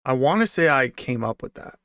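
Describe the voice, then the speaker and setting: Brisk and lively, a medium-pitched American man with a fairly bright tone replies to viewers' comments off the cuff, rambling some and repeating phrases. He was raised moving around in a military family. The studio sound is clean with no room sound.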